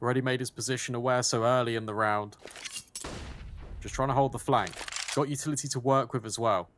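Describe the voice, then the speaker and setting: A man's voice: mid-range voice, fairly even intonation, brisk, a bit bright. Male esports caster over noisy game gunfire. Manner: esports caster delivery, narrating action as it unfolds. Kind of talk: live esports play-by-play commentary.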